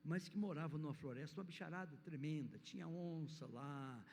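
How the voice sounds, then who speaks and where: A man's voice: on the high side, a little fast, vocal fry, a little mellow. An older man with a Brazilian Portuguese accent, preaching and telling a children's story in a church hall in a rambling storyteller's manner. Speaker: church speaker. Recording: reverberant church hall, faint noise.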